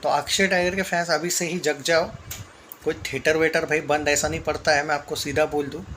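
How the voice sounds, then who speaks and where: Man, emphatic vlog commentary, higher voice, slight background hiss. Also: flat delivery, fairly quick, a bit bright. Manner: heated, emphatic, repeatedly addressing viewers as brother. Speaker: film commentary YouTuber. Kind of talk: casual opinionated commentary.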